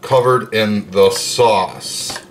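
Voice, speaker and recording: In a kitchen with open windows, a man narrates his home cooking one step at a time in a lowish voice, stretching out his words. He's relaxed and chatty with plenty of fillers, and a little hiss or hum is audible.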